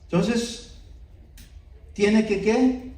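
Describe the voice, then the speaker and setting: A man's voice: high-pitched, drawn-out words, mellow, far from the mic. Man, middle-aged, sermon, earnest, rhetorical asides, echoey church hall. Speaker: pastor.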